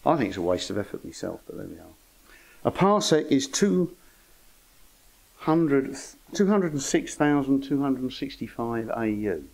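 A man's voice: mid-range voice, sing-song, normal speed, creaky, darkish tone, rough recording. An older man giving an informal lecture to an astronomy club, with dry, wry humour and chatty asides. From England.

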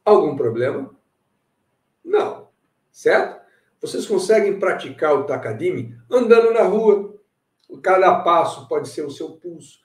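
A man's voice: high-pitched, sing-song, measured pace, reverberant, recorded from a distance. A man teaching music in a live online lesson, talking animatedly, repeating phrases and checking in with his students.

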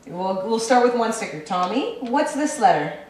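A little high and animated, with a darkish tone and normal speed, a mother's voice encourages her toddler through letters in sing-song fashion. The camcorder's built-in microphone picks up an echoey room at home and faint hiss.

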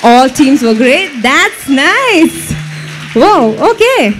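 A woman hosts a live event, her high voice swooping all over as she teases the audience. She talks slowly and deliberately, coaxing people to join in. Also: faint music behind. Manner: lively, teasing crowd banter. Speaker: event emcee.

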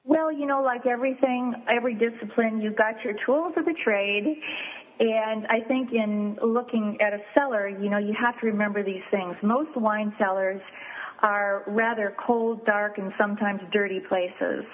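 A woman appraiser answering interview questions in a measured, explanatory way, listing points step by step, heard over a phone line. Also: mid-range voice, fairly even intonation. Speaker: fine art and wine appraiser, guest. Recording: tinny phone line with faint hiss.

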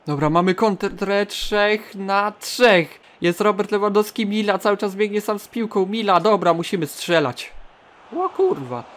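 Young male gamer, high voice, excitable play-by-play of his own match, swears and yells at chances. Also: normal speed, hardly any pauses. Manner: excitable, swears and shouts at near misses. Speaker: gaming channel host. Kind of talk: casual gameplay commentary.

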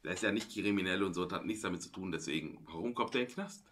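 A man's voice: low voice, fast, a bit bright, soft background music. A man in his thirties hosting a casual reaction stream, commenting in slang with some English thrown in. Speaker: reaction show host. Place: small indoor streaming room.

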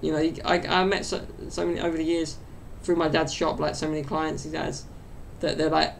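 A man in his twenties hosts a solo podcast from his small bedroom, rambling and chatty into a desk mic placed off to one side. His voice is high-pitched and gravelly with a completely flat delivery, fairly quick and full of fillers. There is slight background noise.

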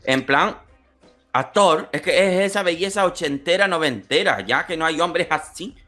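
A man hosting a casual chat, animated and joking with some swearing. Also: a little high, normal speed, faint music behind. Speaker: host.

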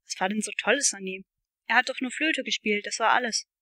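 A woman's voice: mid-range voice, fairly quick, bright, forceful tone, no room sound, studio quality. A woman reading the lines of a curious, puzzled young boy from a novel, asking eager questions.

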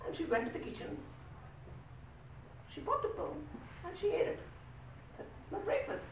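Man, Indian accent, theatrical tall-tale storytelling, highly animated pitch, very echoey room. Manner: theatrical storytelling with acted-out dialogue and dramatic pauses. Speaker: speech contest speaker. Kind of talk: tall tale told as a live contest speech. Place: small meeting room with a whiteboard. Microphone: distant camera microphone. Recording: echoey room, distant mic, faint noise.

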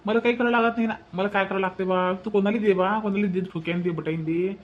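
A man's voice: sits high, steady tone, quick pace, close to an everyday voice. A man doing a weary, henpecked village brother. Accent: Varhadi Marathi. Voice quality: pleading, exasperated. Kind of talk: cartoon voice acting. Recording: dull lo-fi recording.

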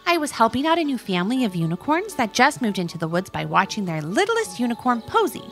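A tiny, kind-hearted gnome with a high, lilting voice that climbs and dips with feeling, as a woman reading a storybook puts her on. She speaks gently, with a pleading, worried edge. The tone is bright and has a slight gravelly fry. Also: sing-song, fast, soft background music. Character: sweet kind little female gnome.

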